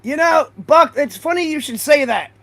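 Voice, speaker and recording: A man's voice: very high-pitched, expressive, normal speed, sharp tone. A man commenting casually on a livestream, rambling with fillers and restarts. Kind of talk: casual chat over videos.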